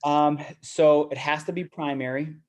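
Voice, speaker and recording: At an investor meeting, a guest speaker gives a relaxed, chatty seminar talk, his slightly high, mellow voice steady and unhurried. He keeps repeating words and drops in fillers like "you know."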